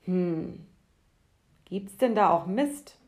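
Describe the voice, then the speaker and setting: A woman's voice: on the low side, animated, extremely slow. A woman doing a grumpy little worm. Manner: grumbling, then yelling for help. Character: grumpy stubborn little male worm in a dung heap. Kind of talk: storybook narration.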